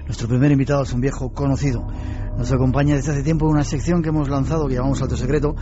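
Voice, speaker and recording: A man's voice: medium pitch, steady tone, very fast, over music. A man hosting a radio interview, chatty and informal as he introduces and questions his guest. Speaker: radio host. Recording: dull lo-fi radio broadcast.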